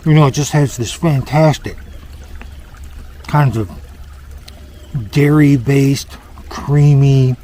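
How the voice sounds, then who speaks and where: A man's voice: mid-range voice, takes it slowly, long pauses, dark tone. A man vlogging on a hike, giving a mock-serious, savoring food-critic review outdoors by a lake. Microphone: small handheld camera.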